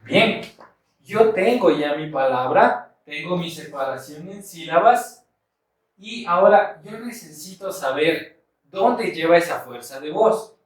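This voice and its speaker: A man teaching a grammar lesson at a board, speaking slowly and deliberately and repeating the key points. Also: on the high side, lively intonation. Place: room with a board. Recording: echoey room, mic far off.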